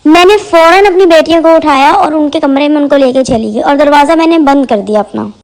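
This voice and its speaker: Woman vlogger, high bright voice, quick indignant storytelling. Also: low-quality recording. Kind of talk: casual storytelling.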